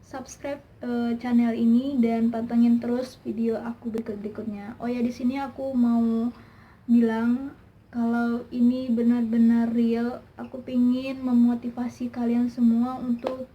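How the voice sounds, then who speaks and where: A woman's voice: a little high, little pitch movement, measured pace. A young woman vlogger telling a personal story in a chatty, emotional way, with many fillers. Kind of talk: personal testimony vlog. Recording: slightly dull lo-fi sound with faint background hiss.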